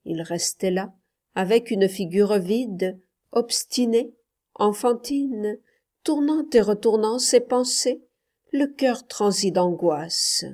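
A woman narrating a literary novel aloud in a measured, even storytelling voice. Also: medium pitch. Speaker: audiobook narrator.

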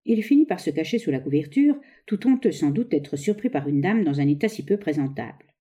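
A woman calmly reading a novel aloud as narrator. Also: deep voice, brisk, husky. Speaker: audiobook reader.

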